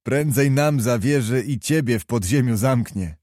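A man's voice: mid-range voice, measured pace, darkish tone, no room sound, lightly acted. A man doing a grave, mocking officer. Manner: grave, dry mockery. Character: grave, mocking male officer, calm and cold.

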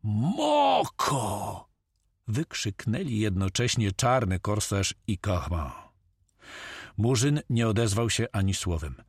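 A man narrating an adventure novel in a steady storytelling manner. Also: on the low side, unhurried, husky, no echo, studio quality. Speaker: audiobook narrator.

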